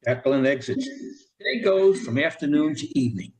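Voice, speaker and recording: A man reading the stage directions aloud in an amateur play, with a plain, even delivery. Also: a little high, normal speed, low-quality recording. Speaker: narrator.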